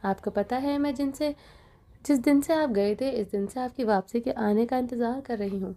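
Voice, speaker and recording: A woman's voice: a little high, warm tone, lightly acted. A woman voicing a young wife who confronts her husband emotionally in an audio novel reading. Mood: hurt. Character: young wife, hurt and defiant.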